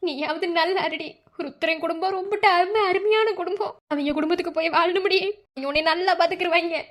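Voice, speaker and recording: A woman plays a worried middle-aged village mother in a cartoon, speaking with a Madurai accent. Her very high voice pleads and frets, close to tears. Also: fast. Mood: pleading. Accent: Madurai Tamil. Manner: pleading, tearful. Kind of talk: cartoon voice acting.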